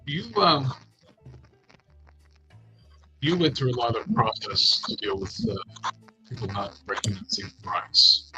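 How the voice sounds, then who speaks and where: A man running a tabletop role-play session, talking haltingly over a garbled headset mic that sounds underwater and scratchy. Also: lowish voice, animated, sharp tone, soft background music. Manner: hesitant, halting with fillers. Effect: garbled headset mic, sounding underwater with scratchy crackle. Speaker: game master. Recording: dull, muffled lo-fi headset mic.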